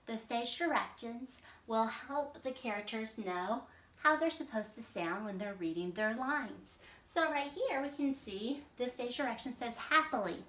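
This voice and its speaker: A woman's voice: a little high, a bit bright. A woman teaching kindergarteners, patiently explaining a story step by step in a read-aloud lesson. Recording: echoey room, mic at a distance.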